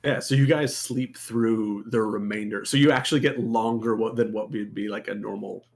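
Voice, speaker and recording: A man narrates a tabletop game as its game master, easygoing and padded with fillers. His voice has a gravelly, slightly husky grain. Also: fairly low pitch, moderate pace. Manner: relaxed, filler-heavy talk. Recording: live stream chat.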